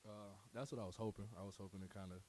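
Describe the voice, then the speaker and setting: A man's voice: on the low side, steady tone, rapid-fire, warm tone, a little hiss or hum. A young adult man, a college basketball player, giving brief, plainspoken answers at a press conference.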